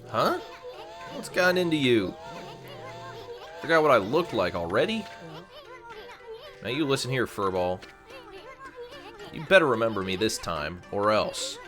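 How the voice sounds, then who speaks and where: A man's voice: mid-range voice, sing-song, measured pace, long pauses, music in the background, a crowd in the background. A man voicing a cheeky, brash tiny male wandering artist in a video game, with a teasing manner. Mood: cocky.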